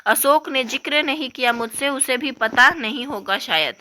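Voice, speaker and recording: A woman's voice: high-pitched, normal speed, pushed and bright. A woman voicing a kindly middle-aged man, a family friend who soothes and coaxes. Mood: gentle. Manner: soothing, coaxing.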